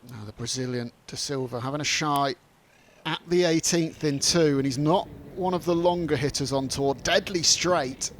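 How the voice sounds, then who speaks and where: A man with a fairly high voice delivers play-by-play as a golf commentator, setting out shots and scores. A light layer of background noise runs underneath. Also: normal speed.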